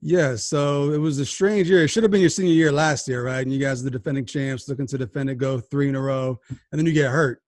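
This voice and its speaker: A man hosting a sports podcast, energetic and hyped, often restarting his sentences. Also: mid-range voice, quick pace, no echo, studio quality. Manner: energetic, hype host with frequent restarts. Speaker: podcast host.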